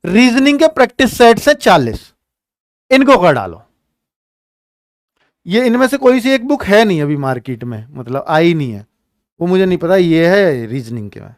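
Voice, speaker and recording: A male coaching teacher talks to students bluntly and in a chatty way, scolding them and repeating his points. His voice is high and swings up and down a lot. The sound is dry and close. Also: very animated, moderate pace, long pauses, dry recording. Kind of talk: frank coaching advice talk.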